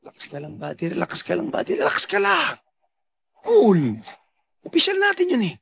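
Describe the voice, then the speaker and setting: A loyal soldier buddy. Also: male voice, very high-pitched, wildly swooping pitch, a little slow, vocal fry, a bit bright, heavily acted. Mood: soothing. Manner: soothing, urgent pleading. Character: loyal calming young male soldier buddy. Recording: film soundtrack with music underneath.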